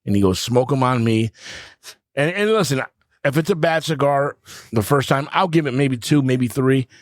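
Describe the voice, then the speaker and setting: A man's voice: mid-range voice, normal speed, no room sound, studio quality. A man from Connecticut telling a profane story on a podcast, swearing constantly and acting out the lines of the people in it. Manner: animated, swears constantly, acts out quotes. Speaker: podcast co-host. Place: cigar lounge bar.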